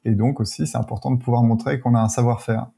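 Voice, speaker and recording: A man being interviewed as a guest, explaining calmly with hesitations. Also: mid-range voice, quick pace, gravelly. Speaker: wedding photographer guest. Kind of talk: casual interview chat.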